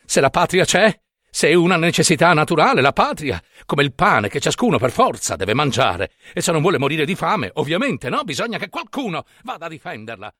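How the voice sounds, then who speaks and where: Brief: man voicing an overweight, wheezy older traveler in his fifties, indignant and lecturing, very lively swings in tone, dry close sound. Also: fairly high pitch, fairly quick, no room sound. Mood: impassioned. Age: 50s. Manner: heated, lecturing, rhetorical questions. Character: fat, breathless, indignant older male traveler.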